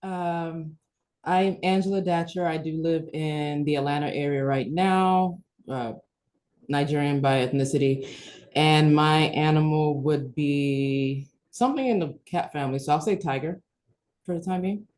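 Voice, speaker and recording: A woman's voice: sits low, unhurried, darkish tone. A woman introducing herself casually on a video call, thinking aloud as she goes.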